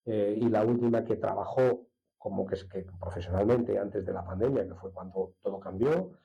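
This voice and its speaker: A man from La Mancha, a master swordsmith, explaining his craft in an unhurried conversational way, with hesitations and restarts. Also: on the low side, gravelly, mellow, muffled recording. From La Mancha, Spain. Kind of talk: conversational interview.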